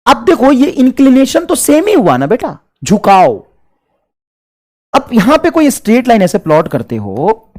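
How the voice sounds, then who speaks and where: A man's voice: high-pitched, a little mellow. A man teaching a math lesson, repeating each point over and over and calling his students children. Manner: repetitive, drills points over and over; addresses students fondly as children. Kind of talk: classroom lesson.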